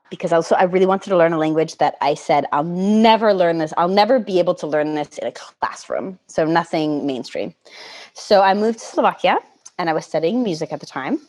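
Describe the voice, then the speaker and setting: A woman in her thirties from Connecticut, answering interview questions in a relaxed, hesitant way with many fillers. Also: fairly low pitch. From Connecticut, United States. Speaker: guest.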